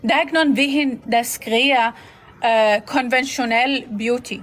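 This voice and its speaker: High-voiced woman rambling on a livestream. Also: fairly bright tone, poor audio. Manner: rambling, halting, with broken grammar. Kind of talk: casual livestream chat.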